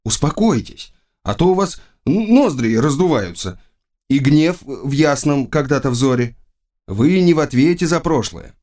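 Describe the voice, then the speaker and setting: A man voicing a calm, ironic male court adviser in a higher, polite tone for an audiobook. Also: a little slow. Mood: soothing. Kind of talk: audiobook reading.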